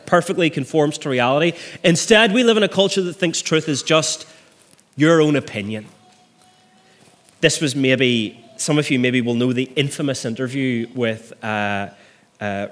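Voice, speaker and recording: A middle-aged man preaches in an earnest, conversational way. His voice sits in a middle pitch and climbs to emphatic peaks. He often repeats a word as he restarts a thought. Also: a bit bright. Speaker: minister. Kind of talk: sermon.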